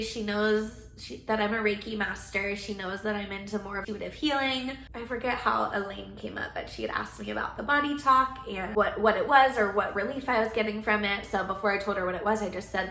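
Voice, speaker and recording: A woman's voice: mid-range voice, creaky, bright, forceful tone. A young adult woman talking frankly in a video diary, laughing now and then as she vents. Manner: chatty, frank, laughs while venting. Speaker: vlogger. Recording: roomy echo, faint background noise.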